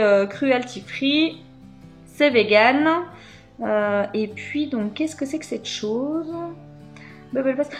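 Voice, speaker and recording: A woman chatting casually to her viewers while unboxing beauty products, with many hesitations and fillers. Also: sits high. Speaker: beauty box unboxing vlogger. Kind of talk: casual unboxing chat to camera.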